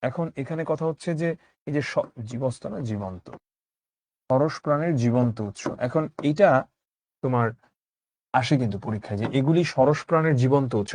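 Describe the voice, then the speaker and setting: A man's voice: a little high, darkish tone, no room sound. A man teaching an online class, explaining a text line by line and asking his students questions.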